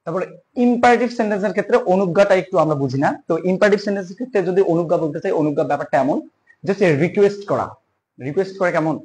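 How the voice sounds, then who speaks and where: A man giving a casual spoken grammar lesson, spelling terms out letter by letter and stretching key words slowly. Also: high voice, darkish tone. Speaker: teacher.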